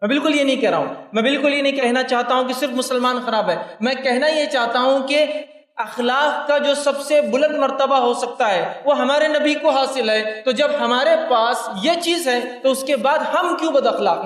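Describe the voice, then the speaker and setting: A high-voiced man preaches a religious lecture. He repeats each point and speaks straight to his listeners. The sound rings through a large hall from a distance. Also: a bit bright. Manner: repeats points for emphasis, addresses listeners directly. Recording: echoey hall, mic at a distance.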